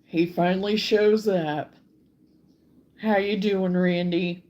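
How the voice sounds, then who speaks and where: With a warm, medium-pitched voice and fairly even intonation, a middle-aged woman chats through a casual live stream about crochet from her rural house. She draws out her greetings to people in the comments. The recording is muffled.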